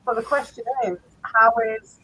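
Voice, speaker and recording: A woman's voice: fairly high pitch, moderate pace, bright, forceful tone, a little hiss or hum, low-quality recording. A woman co-hosting a late-night stream, chatting casually while watching videos, rambling and swearing with lots of tag questions. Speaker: stream co-host.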